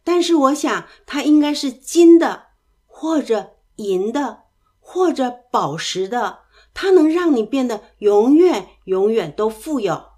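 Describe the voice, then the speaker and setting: Lady doing a wide-eyed excited little badger, bouncy and high, storybook voice. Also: slow pace, exaggerated voice. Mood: eager. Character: eager young male badger dreaming of treasure.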